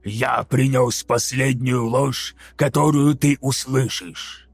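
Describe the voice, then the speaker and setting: Мужчина озвучивает древнего двуглавого демона-стервятника: хриплый, медленный, зловеще торжественный, аудиокнига. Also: male voice, mid-range voice, steady tone, creaky, slightly rough, no echo, soft background music, exaggerated voice. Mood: grave, ominous. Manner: slow, grave, hissing pronouncements. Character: ancient hunched two-headed vulture demon, solemn.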